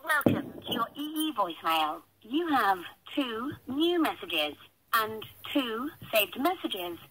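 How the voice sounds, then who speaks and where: Woman's voicemail prompt over a landline phone, slow, lively sing-song pitch, faint line hiss. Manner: measured, clearly spaced announcements. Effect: heard over a landline phone line. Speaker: automated voicemail announcer. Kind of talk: recorded voicemail system prompts.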